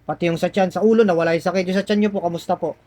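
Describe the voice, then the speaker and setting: A spiritual healer with a high, steady, darkish voice talks rapid-fire to his patients indoors. He coaxes and reassures them during a healing session, repeating himself as he explains.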